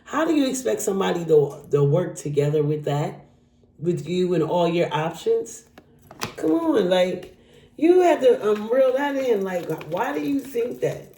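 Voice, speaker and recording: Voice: mid-range voice, very animated, a little slow, dark tone. A tarot reader casually talking through a card spread, speaking straight to the viewer in a chatty way. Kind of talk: casual tarot reading to camera. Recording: echoey room.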